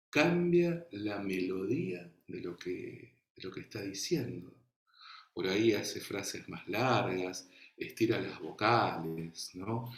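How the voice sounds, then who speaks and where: Argentine guy teaching a class, low gravelly voice, echoey room. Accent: Argentine Rioplatense Spanish. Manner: slow, thoughtful, with frequent fillers. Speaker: lecturer. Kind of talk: online class lecture.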